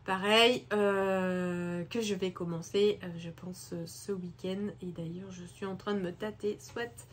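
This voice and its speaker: A woman's voice: medium pitch, steady tone, unhurried, hardly any pauses, a little hiss or hum. A woman chatting casually about knitting and books in a rambling way, full of hesitations. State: hoarse from a head cold. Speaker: craft vlogger. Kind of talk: casual chat. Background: washing machine running.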